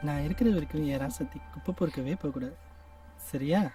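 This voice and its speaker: A man's voice: high-pitched, expressive, fast talker, dark tone. An actor playing a young man who coaxes and persuades the girl he courts, in film dialogue. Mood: coaxing. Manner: coaxing, persuasive. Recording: distant film sound with music.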